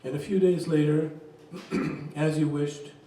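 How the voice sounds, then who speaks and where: A man reading his poems aloud at a reading event, in a slow, measured voice. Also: on the high side, level tone, mellow. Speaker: poet reading his work. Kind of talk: poetry reading. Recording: very echoey room, distant mic.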